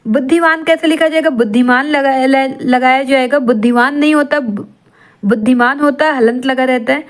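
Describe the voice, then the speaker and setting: High-voiced woman drilling a lesson. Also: moderate pace. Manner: steady repetitive drilling, asks and answers her own questions. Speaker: teacher. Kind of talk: exam-prep grammar lesson.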